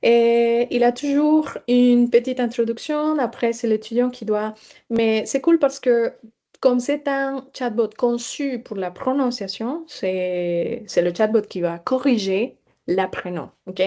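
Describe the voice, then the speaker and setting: A woman teacher walks listeners through a webinar presentation, explaining hesitantly with fillers and restarts. Her voice is mellow and sits slightly high. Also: measured pace, muffled recording.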